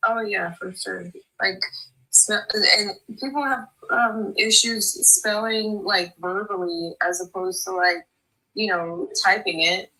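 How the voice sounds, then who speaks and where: A woman's voice: medium pitch, fairly even intonation, slow pace, sharp tone, rough recording. A woman in her thirties in casual chat, blunt and swearing freely.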